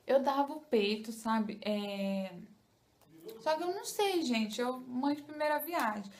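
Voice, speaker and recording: A woman's voice: on the high side, a little mellow. A young Brazilian woman, a first-time mother, talking casually to her viewers in a chatty way. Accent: Brazilian Portuguese. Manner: chatty, addresses viewers with "gente" and "tá?". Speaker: vlogger, new mother. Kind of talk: casual chat to camera.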